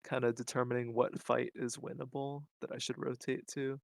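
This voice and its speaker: Casting: man, gravelly, hesitant answers, dry close sound. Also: medium pitch, flat delivery, moderate pace, dry recording. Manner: hesitant, starts with "um". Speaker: player being coached. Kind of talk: casual coaching call. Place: home at night.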